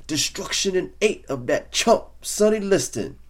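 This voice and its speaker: A man voicing a brash young boxer yelling taunts at his rival. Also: high-pitched, lively intonation, a little slow, pitched above the performer's own voice. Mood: taunting. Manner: shouted taunts. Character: young brash male boxer, cocky trash-talker.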